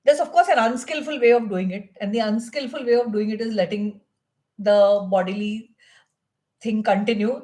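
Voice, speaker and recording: Woman, meditation teacher, reflective, rhetorical questions, fairly high voice. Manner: reflective, asks rhetorical questions, mixes in Hindi phrases. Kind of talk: spoken teaching talk.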